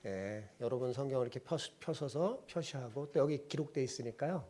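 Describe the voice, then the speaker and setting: A man's voice: mid-range voice, a little fast, warm tone. A man preaching a sermon as pastor, telling folksy stories and drawing the congregation into call-and-response. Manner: folksy storytelling.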